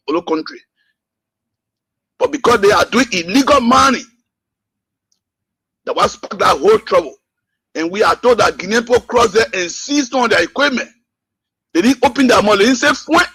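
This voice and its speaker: Man from Liberia, radio caller, bright tense voice, impassioned, rhetorical questions. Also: very high-pitched, gravelly, breathy edge. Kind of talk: call-in radio political commentary. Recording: phone line on radio.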